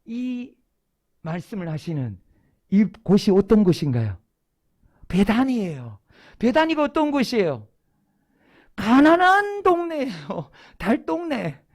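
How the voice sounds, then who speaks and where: A preacher in a church sanctuary, giving a Sunday sermon. The voice sits at a middle pitch but swings widely up and down. The preacher keeps asking the congregation questions and then answers them in a storytelling way. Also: big pitch swings, unhurried, pauses often, mellow.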